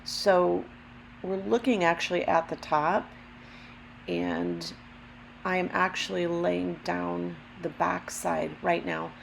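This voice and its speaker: Gravelly, low-pitched woman giving a craft tutorial. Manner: unhurried, careful explaining with apologetic asides. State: allergy-affected voice, throat clearing. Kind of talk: casual step-by-step craft demonstration. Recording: steady background hum, lawnmower noise. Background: lawnmower and hum.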